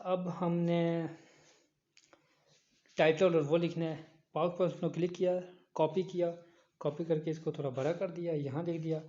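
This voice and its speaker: A man walks through a photo-editing app step by step, going back over each instruction. His voice sits a little high, and the recording sounds dull and lo-fi, like a phone mic. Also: flat delivery, unhurried, pauses often, mellow. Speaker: online teacher. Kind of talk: screen-recorded app tutorial.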